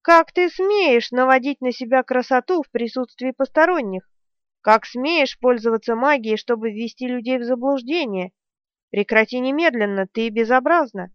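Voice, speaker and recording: A woman's voice: a little high, moderate pace, no room sound, close to an everyday voice. A woman voicing a furious, brutal male general who barks and rages, in an audiobook reading. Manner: raging, barking commands. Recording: dry, dull lo-fi recording.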